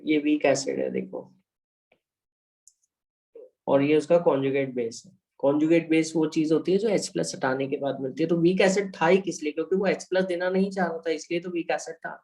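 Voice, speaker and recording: On a rough recording, a man with a fairly high, dark-toned voice and an Indian accent leads an online chemistry lecture. He goes through equations step by step, mixes English into his Hindi, and checks in with the students as he goes.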